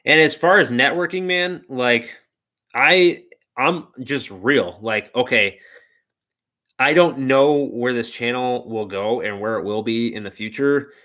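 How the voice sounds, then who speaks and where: A man's voice: mid-range voice, a little slow, bright, forceful tone. A young man hosting a live car stream, chatting loosely and rambling with lots of "like" and "dude.". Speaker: car channel host. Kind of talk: casual live stream chat.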